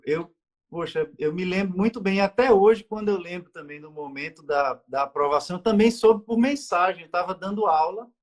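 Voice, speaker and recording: A man hosting an interview series, speaking reflectively and pausing often with fillers. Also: high voice. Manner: hesitant, many fillers. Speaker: diplomat, interview host. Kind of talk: reflective conversation.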